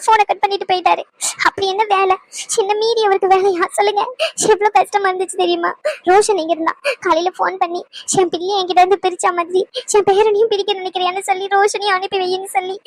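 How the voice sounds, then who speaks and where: Cartoon role: a crying young wife, as a woman puts her on, high and halting. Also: no echo, rough recording. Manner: halting, soft and upset. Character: young married woman, hurt and tearful.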